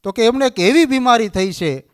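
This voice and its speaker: A man preaching in a Kathiawadi Gujarati accent tells a sacred tale with a high, lively voice. His pitch rises and falls sharply as he acts out the voices of the figures. The delivery is an animated storytelling sermon. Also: moderate pace, clear, resonant tone. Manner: animated storyteller acting out dialogue. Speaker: religious speaker.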